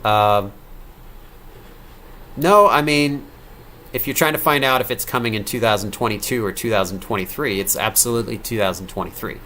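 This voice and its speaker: A tired man in his thirties hosts a late-night live-stream Q&A about his game. His voice sits fairly low, and he rambles and restarts his sentences. A faint hiss runs underneath. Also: moderate pace, sharp tone. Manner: rambling, self-correcting, reads donor questions aloud. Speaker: game developer answering live chat questions.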